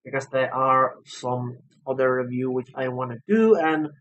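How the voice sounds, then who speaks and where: In an unscripted, casual game review, a man who isn't a native English speaker stumbles along, frequently restating and rewording his points. His voice sits at medium pitch with a slightly bright quality, and the high frequencies are cut off.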